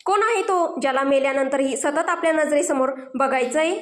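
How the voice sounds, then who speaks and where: A woman's voice: sits high, normal speed, lightly acted. A woman reading the anxious inner thoughts of a frightened young male henchman. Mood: fearful. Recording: roomy echo.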